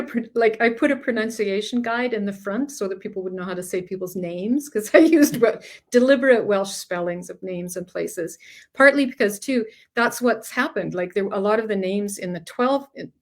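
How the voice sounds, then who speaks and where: A middle-aged Canadian woman with a medium-pitched voice chats casually as a guest author in an interview. She often restarts her sentences and laughs between thoughts.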